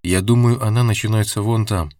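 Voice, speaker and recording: A man reading the part of a quiet, watchful young hunter in an audiobook, in short, matter-of-fact lines. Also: on the low side, steady tone, fairly quick, no echo, clean studio sound, lightly acted. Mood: plain.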